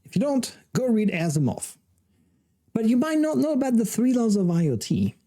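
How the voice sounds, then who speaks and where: Male host, dark mellow voice, casual upbeat interviewer. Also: very high voice, sing-song, normal speed. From France. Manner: chatty, upbeat, with small laughs. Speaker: show host.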